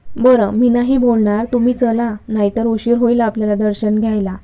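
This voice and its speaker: A woman's voice: a little high, little pitch movement, normal speed, dark tone, natural voice. A woman reading the part of a playful young female student in a story, speaking in a teasing, cheeky way.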